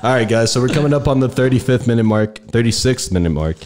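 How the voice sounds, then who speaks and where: A man's voice: medium pitch, expressive, fast, a little mellow, slight background noise. A young man from El Paso, Texas, hosting a casual podcast chat, loose and swearing as he steers the segments. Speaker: podcast host.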